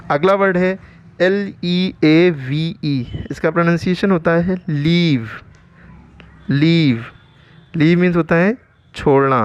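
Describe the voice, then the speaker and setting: A man's voice: a little high, clean tone, muffled recording. A man teaching English vocabulary in Hindi, spelling each word letter by letter and repeating its pronunciation and meaning. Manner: spells words letter by letter slowly, repeats each word, often asks "ठीक है?". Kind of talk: vocabulary lesson, spelling out words.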